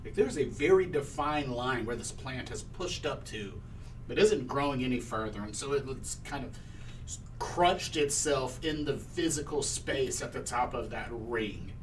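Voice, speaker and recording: A man's voice: mid-range voice, lively intonation, unhurried. A man narrating a tabletop game casually as game master. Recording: distant mic with background noise.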